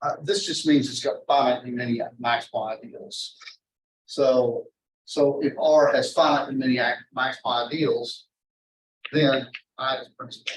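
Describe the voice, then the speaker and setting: A man giving an informal university math lecture in a rambling, halting way, often interrupting himself and drifting into asides. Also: medium pitch, steady tone. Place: indoor classroom. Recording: echoey lecture room, distant mic.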